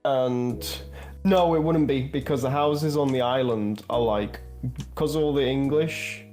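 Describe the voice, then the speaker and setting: A man's voice: mid-range voice, a little slow, darkish tone, soft background music. A man, talking in a dry, matter-of-fact way in a casual podcast chat. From Wales. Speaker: podcast co-host.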